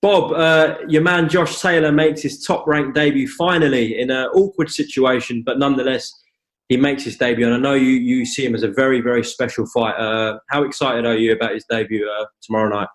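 A man's voice: mid-range voice, fairly even intonation, fairly quick. A man hosting a boxing interview with conversational questions over a video call. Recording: roomy video-call sound.

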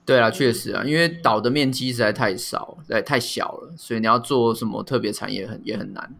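A man chats informally in Taiwanese-accented Mandarin. His voice is mid-pitched with a clear vocal fry, and he speaks in a casual conversational style. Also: fairly quick, fairly bright tone. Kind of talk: casual chat.

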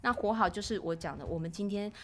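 A middle-aged woman, telling stories as a podcast guest in an expressive way, acting out what people said. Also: quick pace, slight background noise. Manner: expressive, acts out quoted speech with rising pitch. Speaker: podcast guest, mother of two sons. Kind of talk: casual storytelling chat.

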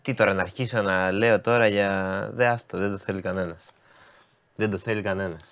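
A man's voice: low voice, steady tone, a bit bright. A man chatting as a studio guest, answering in dry, short, laconic replies. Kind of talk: casual chat.

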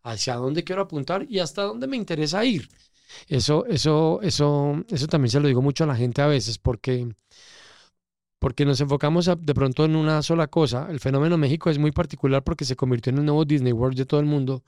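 A man's voice: a little high, a little fast, a little mellow, dry recording, clean studio sound. A Colombian man, a casting director, talking expressively as a podcast guest and acting out the people he quotes. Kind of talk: casual interview.

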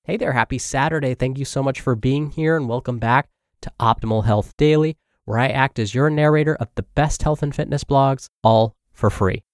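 Male podcast narrator, a bit stuffy-nosed, mid-pitched, steady read, dry close mic. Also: moderate pace, few pauses, no room sound. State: congested. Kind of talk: reading blog articles aloud.

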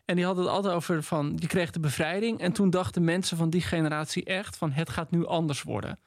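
A man's voice: sits high, steady tone, fast talker, no echo, studio quality. A man with a Dutch accent, co-hosting a podcast and thinking aloud in a casual book discussion. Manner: thoughtful, hesitant with fillers and restarts. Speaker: podcast co-host.

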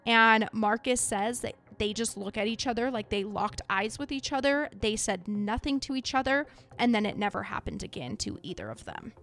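A woman's voice: fairly high pitch, lively intonation, moderate pace, hardly any pauses, a bit bright. A woman hosting a podcast in casual, earnest talk, with trouble pronouncing her R's so they sound like W's. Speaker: podcast host.

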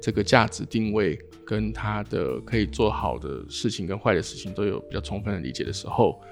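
A man's voice: fairly low pitch, a little fast, vocal fry, faint music behind. A man from Taiwan, a podcast host who muses aloud and sums up topics in a casual chat. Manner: musing, thinks aloud, wraps up topics.

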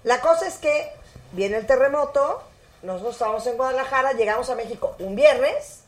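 Una mujer mexicana de unos cincuenta años, cantante invitada, que cuenta recuerdos de forma animada, en charla casual. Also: female voice, high voice, fairly quick, poor audio. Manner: animated storyteller acting out quotes. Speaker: singer, guest. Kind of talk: casual chat.

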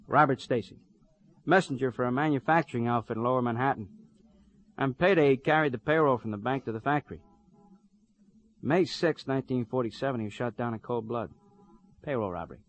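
An actor playing a cheerful, talkative middle-aged police partner with a joking manner in a 1950s radio drama. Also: male voice, mid-range voice, fairly quick, long pauses, no room sound, natural voice. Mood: chatty.

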